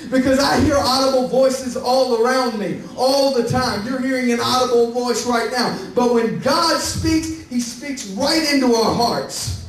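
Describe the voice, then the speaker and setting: High-voiced man preaching in an echoey hall. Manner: high-pitched, preaching with rising emphasis and call-outs to the church. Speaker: pastor. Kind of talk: sermon. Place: large church hall. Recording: echoey church hall from far off, faint hiss.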